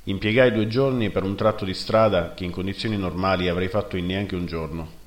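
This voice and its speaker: A man narrating a first-person fantasy story in a steady, measured reading, in a roomy recording. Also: low voice. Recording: roomy echo.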